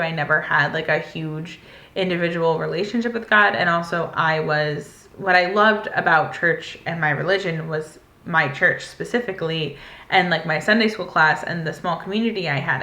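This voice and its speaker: A vlogger in her twenties from the United States tells a personal story candidly and ramblingly, with lots of filler words. Her lowish voice sounds pushed and bright, and the room echoes.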